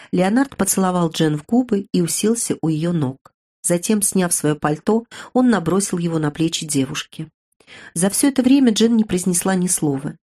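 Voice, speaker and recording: A woman reading a novel aloud as an audiobook narrator, evenly and unhurried. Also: lowish voice, mellow. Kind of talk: scripted narration.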